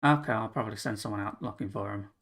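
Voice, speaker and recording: A man narrating as game master of a tabletop game, halting with fillers and restarts. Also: fairly low pitch, vocal fry, a bit bright.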